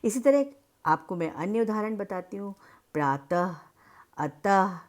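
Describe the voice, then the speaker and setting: A woman's voice: medium pitch, lively intonation, moderate pace, a little mellow. A woman teacher giving a recorded grammar lesson, explaining step by step and drawing out each vowel sound to demonstrate it. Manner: addresses students directly and explains step by step. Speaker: school Hindi teacher.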